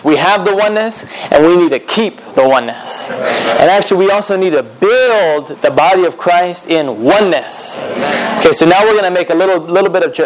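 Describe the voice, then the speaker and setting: A man's voice: a little high, poor audio. A young American man introducing himself and preaching in a friendly, joking way, calling out questions to the audience. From United States. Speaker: conference speaker. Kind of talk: casual talk leading into a sermon.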